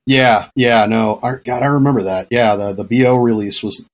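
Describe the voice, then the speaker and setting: A man and longtime security conference organizer, a guest in a casual podcast conversation, telling animated stories and acting out the dialogue. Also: mid-range voice, normal speed. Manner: animated storyteller, acts out dialogue.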